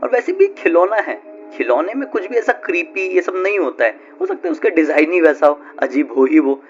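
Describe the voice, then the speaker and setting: एक कथावाचक द्वारा निभाया गया आरामपसंद, मनाने वाला पति, कहानी में, धुंधली आवाज़. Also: male voice, fairly high pitch, big pitch swings, fairly quick, dull audio, soft background music. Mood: persuasive. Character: easygoing relaxed husband and father.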